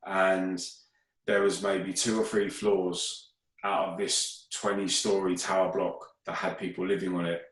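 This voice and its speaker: A man's voice: deep voice, measured pace, reverberant, low-quality recording. A man telling rambling, sweary anecdotes about his days as a DJ in a casual chat. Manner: rambling, swears, gets loud and excited in anecdotes. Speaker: podcast speaker, DJ.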